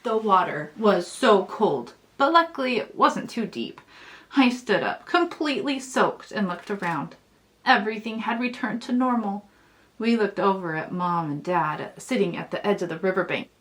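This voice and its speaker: At a normal pace and a medium pitch, a woman who wrote the book reads her children's story aloud. Her delivery is expressive, in a storytelling style.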